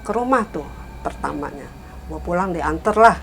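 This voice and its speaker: A middle-aged woman recounting a family story in casual talk, raising her pitch when she quotes others and trailing off softly afterward. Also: animated, moderate pace, a little hiss or hum. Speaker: guest telling her story.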